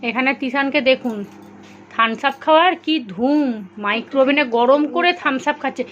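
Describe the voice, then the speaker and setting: A woman's voice: high voice, brisk, a bit bright, slight background noise. A woman talks to her viewers in an easy, chatty way while she goes about her day at home. The sound is a dull, lo-fi phone recording made indoors in a kitchen. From India. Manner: chatty, addresses viewers directly. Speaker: vlogger. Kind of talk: casual home vlog narration.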